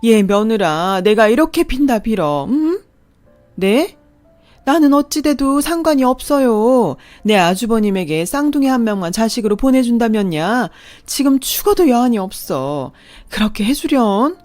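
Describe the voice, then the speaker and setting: A woman voicing a pushy older mother-in-law who wheedles and guilt-trips in a raised, loud voice for a radio drama. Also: lively intonation, measured pace, hardly any pauses, no room sound, soft background music. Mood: pleading. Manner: wheedling, then guilt-tripping and shrill.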